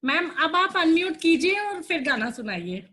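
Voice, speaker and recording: A woman's voice: extremely high pitch, sing-song, bright, forceful tone. A woman hosting an online class celebration over a video call, mixing Hindi and English and politely calling everyone ma'am. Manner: polite, slow and drawn out, calls everyone ma'am. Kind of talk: cheerful host chat mixing Hindi and English.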